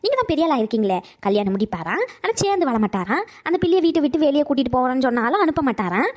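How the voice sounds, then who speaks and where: A woman voicing a sharp-tongued elderly grandmother in a cartoon, mocking and nagging the young men. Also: sits high, sing-song. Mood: scolding. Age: older. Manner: scolding, mocking, rapid nagging. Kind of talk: cartoon voice acting.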